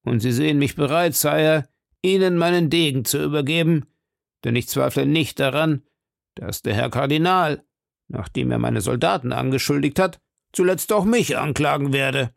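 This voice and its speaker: A man's voice: on the high side, moderate pace, gravelly, dry recording, clean studio sound, voice pushed up. A man reading an audiobook, voicing a proud, defiant captain of musketeers who declaims boldly and insistently. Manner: bold, insistent, raised declaiming voice. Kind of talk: audiobook character voice.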